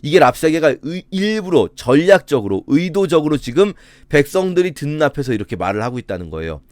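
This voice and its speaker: A man preaching a sermon as a pastor, telling the story in an animated, dramatic way. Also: on the high side, a little fast, no room sound.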